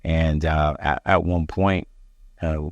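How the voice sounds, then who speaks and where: A man in his forties from Barbados, a police chief answering interview questions in a measured, halting way with many fillers. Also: a bass voice, flat delivery, no echo, highs cut off. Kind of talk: interview conversation.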